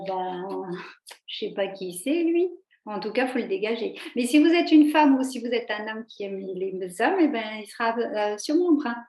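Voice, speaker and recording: A woman's voice: on the high side, a little hiss or hum. A woman giving a casual tarot reading, rambling with many fillers and restarts. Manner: chatty, talks to her cat in a cooing voice. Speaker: tarot reader. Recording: echoey room.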